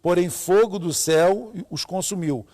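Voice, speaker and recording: Brazilian pastor guy, gravelly fry in his voice, reads bible verses and comments, roomy long reverb. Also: sits high, measured pace, mellow. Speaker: pastor, co-host. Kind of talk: informal Bible reading and commentary.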